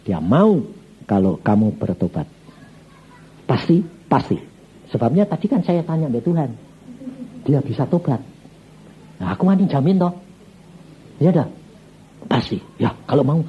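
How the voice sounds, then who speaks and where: A man's voice: medium pitch, moderate pace, pauses often. A man preaching a sermon, telling stories bluntly and acting out the dialogue. He is an older pastor. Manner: blunt, animated, acts out dialogue. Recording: slightly dull recording with faint noise.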